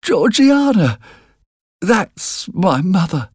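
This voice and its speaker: Scared little kid crying out high and shaky, a guy doing the voice, dry. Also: animated, takes it slowly, no echo. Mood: frightened answering. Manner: high pleading cries. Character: terrified young boy in a graveyard.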